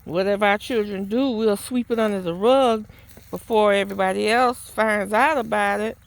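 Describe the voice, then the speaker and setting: In a spoken vlog recorded outdoors in a rural yard or garden, a woman addresses the camera with earnest exasperation, a preachy tone, and many restarts. Her creaky, mid-range voice keeps fairly even intonation at a normal speed.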